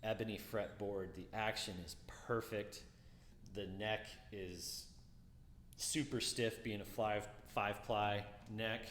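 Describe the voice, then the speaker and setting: Slowly and casually, a man with a low, deeper voice works through a guitar review, relaxed and musing, often doubling back on what he's said. He seems to be in a roomy space, with a long reverb tail and a faint hum of ambience behind him.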